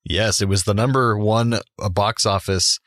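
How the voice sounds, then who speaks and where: Low gravelly-voiced man, casual co-host. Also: steady tone, moderate pace, a bit bright, no echo, clean studio sound. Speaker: podcast co-host. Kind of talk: casual chat.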